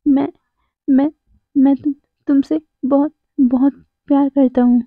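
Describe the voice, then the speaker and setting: A woman voicing a young man who confesses his love while crying, halting and stammering. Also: high-pitched, level tone, no room sound. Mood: tearful. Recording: tinny phone-like dry sound.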